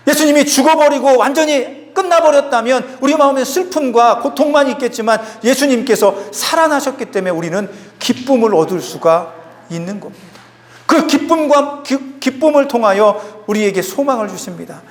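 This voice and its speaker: High-voiced pastor preaching in an echoing hall. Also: male voice, lively intonation, moderate pace. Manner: emphatic, acts out quotes. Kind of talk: sermon. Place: church sanctuary. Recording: long hall reverb.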